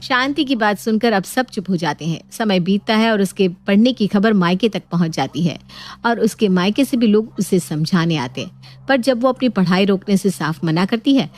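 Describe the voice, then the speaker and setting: A woman narrating a cartoon bedtime story in a steady storytelling manner. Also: medium pitch.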